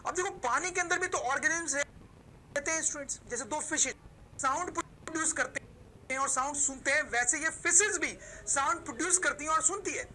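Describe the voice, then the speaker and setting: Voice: high voice, sharp tone, slight background noise, poor audio. A woman teacher from Pakistan giving a recorded video lecture, calling out to her students again and again and answering her own questions. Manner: explains slowly, poses questions and answers them herself; addresses the listeners as "students" almost every sentence.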